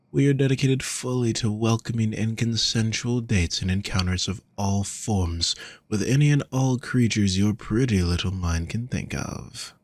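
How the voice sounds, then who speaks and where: In a roleplay audio, a man voices a gentle, teasing male demon companion who addresses the listener courteously with genteel endearments. His voice sits lowish, and the recording is dry.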